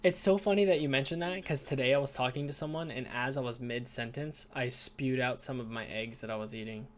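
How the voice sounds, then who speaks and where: Man, casual livestream co-host, chatty, mid-pitched voice, faint background hiss. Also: brisk. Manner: chatty, fiddles with stream setup while talking. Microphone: headphones with computer mic.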